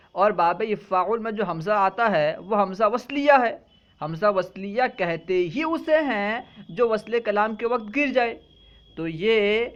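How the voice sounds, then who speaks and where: A man's voice: high-pitched, fairly bright tone. A man teaching a lesson in a patient, explanatory way, often checking in with his students. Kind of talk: classroom lecture. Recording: dull lo-fi recording.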